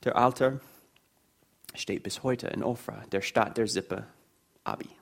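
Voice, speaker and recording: Slow, earnest male preacher. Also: fairly low pitch, gravelly, slightly rough. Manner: slow, earnest preaching, reading Bible passages aloud. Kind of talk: sermon.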